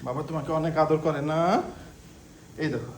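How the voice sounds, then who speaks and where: A man's voice: a little high, fairly even intonation, brisk. A young man, a father, talking tenderly to his toddler at home in playful, coaxing baby talk and mock pleas. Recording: roomy echo with faint room noise.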